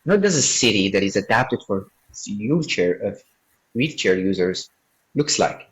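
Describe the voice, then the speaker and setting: A man hosting a podcast, reading a formal introduction and asking measured questions. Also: on the low side, lively intonation, rough recording. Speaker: podcast host.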